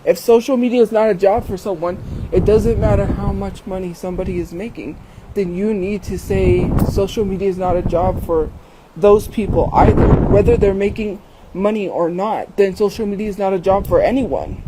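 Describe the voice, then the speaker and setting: A woman's voice: medium pitch, moderate pace. A woman chatting casually on a livestream, speaking in an emphatic, defensive way and repeating phrases, recorded outdoors in the wind. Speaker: livestream host. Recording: windy, noisy outdoor phone recording.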